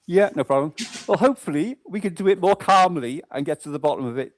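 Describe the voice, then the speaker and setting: A man's voice: on the high side, lively intonation, quick pace. A man in casual conversation, talking in a plain, anecdotal way. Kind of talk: casual chat, telling anecdotes.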